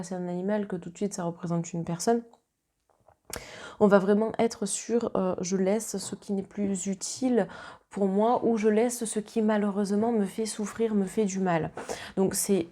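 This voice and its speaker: A woman's voice: mid-range voice, dark tone. A woman with a Marseille accent giving a casual tarot reading, chatty and reassuring, with many fillers and restarts. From southern France. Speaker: tarot card reader.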